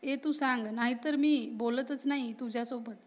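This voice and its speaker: Woman voicing a lively lovestruck college girl. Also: a little high, normal speed, close to an everyday voice. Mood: playful. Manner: indignant, playful back-talk. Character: lively young woman college student in love.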